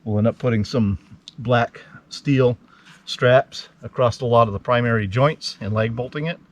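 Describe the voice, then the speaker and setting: A man's voice: mid-range voice, normal speed. Winded man rambling at a building site. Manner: relaxed, rambling, with many fillers. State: out of breath. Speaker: homesteader host. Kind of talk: casual on-site walkthrough.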